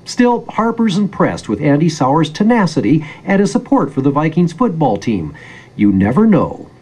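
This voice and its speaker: A man's voice: a little high, sing-song, moderate pace, darkish tone, breathy edge. A man with an American accent narrating a scripted news feature as a public radio reporter, in a storytelling manner.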